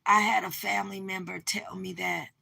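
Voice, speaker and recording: A woman who is losing her voice, speaking in a slow, heartfelt way and often repeating herself for emphasis as she shares a personal story. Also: mid-range voice, level tone, creaky, pushed and bright. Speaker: vlogger. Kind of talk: personal testimony to camera.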